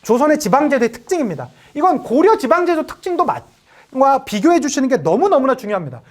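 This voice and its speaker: A woman teaching an exam-prep history class in a high voice. She fires rhetorical questions at her students, and her pitch swings widely as she acts out little quoted lines. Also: very animated, quick pace, a little mellow. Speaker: history lecturer.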